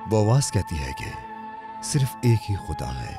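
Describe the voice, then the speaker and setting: A man's voice: lowish voice, very animated, unhurried, music in the background. An actor dubbing a defiant young man who mocks a stone idol and speaks earnestly about one God, in a dubbed film. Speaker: young man rejecting idols. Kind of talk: Urdu dubbed film acting.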